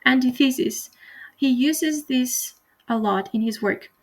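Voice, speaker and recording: A young woman, a university student, giving an earnest, explanatory class presentation on a poem, with frequent pauses and restarts. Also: high voice.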